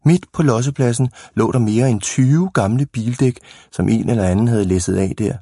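A man reading a children's book aloud in a calm, even storytelling manner. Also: medium pitch, breathy edge, no room sound, clean studio sound.

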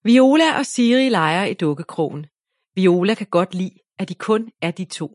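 A woman reads a children's story aloud in a gentle, even way. Her voice is mid-pitched, close to the mic and dry, with no room around it. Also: no room sound.

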